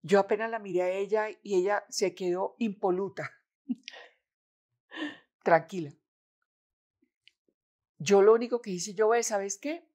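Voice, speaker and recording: A woman's voice: medium pitch, unhurried, long pauses. An older woman with a Colombian accent, a guest in a conversation, telling a personal family story and acting out the voices of the people in it. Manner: animated, acts out the voices of people in her story. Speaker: interview guest, mother of the host.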